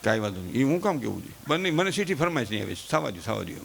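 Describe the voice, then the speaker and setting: A middle-aged man performs a chatty, folksy comedy monologue on a live stage, speaking straight to the audience and acting out quoted family members. His voice sits at medium pitch with big swings, comes out very fast, and carries vocal fry.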